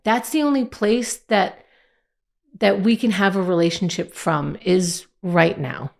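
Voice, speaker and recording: A woman vlogger, telling a personal story in a reflective, halting way, with many restarts and fillers. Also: mid-range voice, vocal fry.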